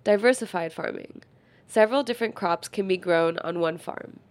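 A woman with a stuffy nose reading an old textbook aloud in a quiet, unhurried way and pausing to comment on it. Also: fairly low pitch. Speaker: reader.

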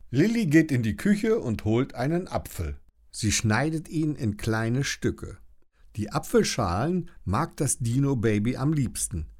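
A man narrating a children's audiobook with an expressive storytelling delivery. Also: mid-range voice.

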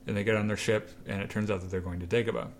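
Man co-host, low voice, animated storyteller, faint room hum behind. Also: very fast. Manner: animated storyteller, acts out quoted lines. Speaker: podcast co-host. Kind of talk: casual chat retelling a comic.

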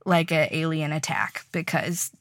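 A woman's voice: sits low, steady tone, measured pace, fairly bright tone, dry recording, studio quality. A woman co-hosting a podcast, chatting animatedly with laughing asides about a film. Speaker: podcast co-host. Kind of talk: casual chat.

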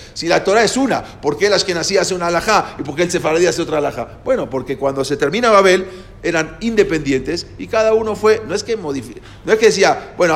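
A man teaching a lesson, explaining step by step and checking with his listeners as he goes. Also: on the high side. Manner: explanatory, asks the listeners "¿no?" and "¿sí?" often, with hesitations. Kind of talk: lecture to a class.

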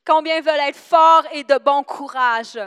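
A woman's voice: high voice, a little slow, fairly bright tone. Quebec French woman interpreting a sermon. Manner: echoes the preacher's rising intensity, some hesitations. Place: church hall.

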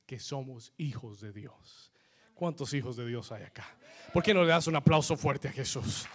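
A man preaching a sermon with call-and-response, switching between two languages and rising to shouts. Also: medium pitch, some chatter behind, a little hiss or hum. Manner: slow, emphatic phrasing. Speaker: pastor. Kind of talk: bilingual sermon.

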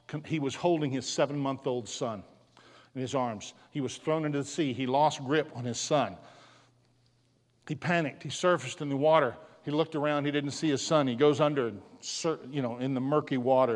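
A man's voice: medium pitch, fairly even intonation, normal speed. Man preaching in a reverberant hall. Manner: dramatic storytelling, dropping to a hushed voice at key moments. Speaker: guest speaker at a school. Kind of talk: storytelling sermon.

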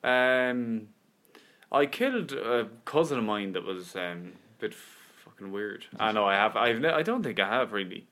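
A man's voice: on the low side, animated, measured pace, fairly bright tone. A man with an Irish accent co-hosting a podcast, chatting casually and telling loose news stories with frequent laughs. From Ireland. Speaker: podcast co-host. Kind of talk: casual chat.

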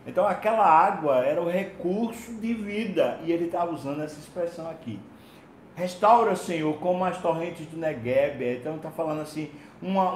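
A male preacher delivering a sermon, swinging from loud emphatic calls to quiet low murmurs. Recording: echoey room with faint low rumble.

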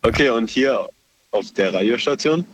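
A man's voice: mid-range voice, animated, moderate pace, husky. A man calling in to a live radio show, heard over a phone line, asking offhand questions in a casual, slightly sheepish way. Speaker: caller. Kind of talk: casual call-in chat.

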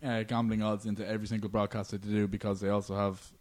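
A man's voice: lowish voice, flat delivery, fast talker, a little mellow. An Irish man hosting a podcast, chatting about sport in an informal, bantering way. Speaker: podcast host. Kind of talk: casual sports chat.

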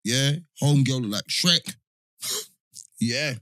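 A man's voice: medium pitch, lively intonation, slow, pushed and bright, no room sound, clean studio sound. A young man with a London roadman accent, chatting casually in street slang and repeating his points for agreement. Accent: London roadman, multicultural London English. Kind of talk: casual podcast chat.

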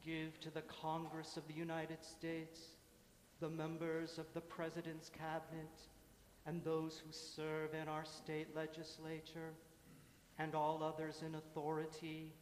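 A man leading a litany in a large church, intoning a slow, measured prayer. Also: on the high side, completely flat delivery, slight background noise. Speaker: worship leader. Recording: echoey hall, mic from afar.

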